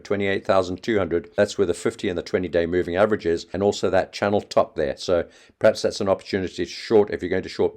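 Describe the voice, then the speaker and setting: Fast-talking low-voiced man. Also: darkish tone. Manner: fast, chatty, offhand. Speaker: market analyst. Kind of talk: trading market update.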